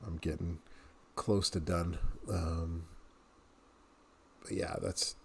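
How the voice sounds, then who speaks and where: A man's voice: low voice, flat delivery, slow, vocal fry, a little hiss or hum. A man in his thirties, a game streamer, chatting casually to viewers and laughing often as he plays. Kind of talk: casual gameplay commentary.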